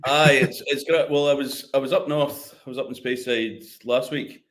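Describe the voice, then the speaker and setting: A man's voice: medium pitch, fairly even intonation, moderate pace, fairly bright tone. A middle-aged man from northeast Scotland with a broad Doric accent, chatting casually as an interview guest. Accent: Doric, northeast Scottish. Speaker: interview guest, whisky maker. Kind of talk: casual chat.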